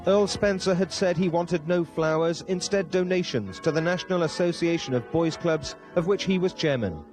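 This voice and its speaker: A man delivering a measured, scripted news report. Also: on the high side, darkish tone, faint music behind.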